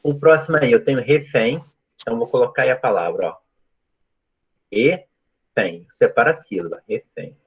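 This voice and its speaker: A man's voice: medium pitch, animated, quick pace, slightly rough, highs cut off. A man teaching a live online Portuguese grammar lesson, explaining step by step and often checking that students follow. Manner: explanatory, asks frequent checking questions.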